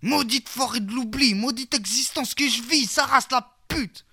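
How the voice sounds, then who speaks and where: A man's voice: very high-pitched, moderate pace, gravelly, slightly rough, full character voice. Man putting on a cursing hot-headed knight. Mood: cursing rage. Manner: shouted swearing outbursts.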